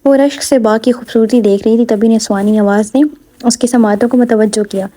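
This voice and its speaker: A woman narrating a romance novel aloud at a steady pace, with occasional small slips and restarts. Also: on the high side.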